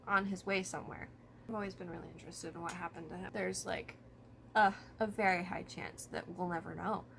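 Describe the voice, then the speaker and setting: A woman's voice: medium pitch, vocal fry, slight background noise. A woman talking informally to camera about true crime, thinking aloud and hedging as she goes. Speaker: vlogger.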